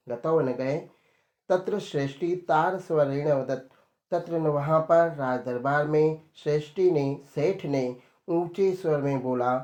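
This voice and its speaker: Male teacher, slightly high voice, slow deliberate line-by-line lesson, roomy echo. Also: darkish tone. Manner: slow, reads a line then explains it word by word. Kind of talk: line-by-line Sanskrit lesson explained in Hindi.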